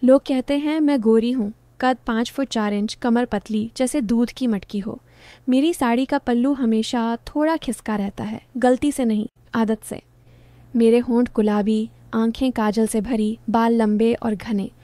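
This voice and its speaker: Woman narrating a story, steady short phrases, kinda high and warm. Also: measured pace, no room sound. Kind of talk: scripted first-person story narration.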